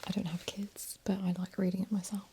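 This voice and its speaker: A woman in a whispered role-play as a sassy librarian, speaking in a breathy library whisper. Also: medium pitch, little pitch movement, fairly quick, background noise. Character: sassy female librarian pushing books on a visitor.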